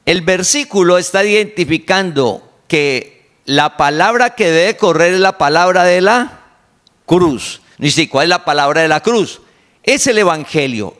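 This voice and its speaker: A man preaching a sermon to his congregation, repeating key phrases slowly for emphasis. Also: a little high, fairly bright tone. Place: online congregation meeting.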